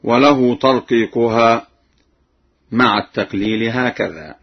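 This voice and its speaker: A man teaching the rules of a Quranic reading tradition in a slow, measured way, pausing to chant the verses melodically as examples. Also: medium pitch, husky, lo-fi sound. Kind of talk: lesson on Quranic reading variants with recited examples.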